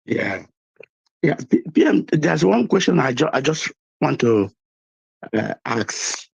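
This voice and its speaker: A hoarse man with a cold, calling into an online meeting and speaking hesitantly with many fillers. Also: mid-range voice, big pitch swings, slow, no echo, rough recording. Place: London.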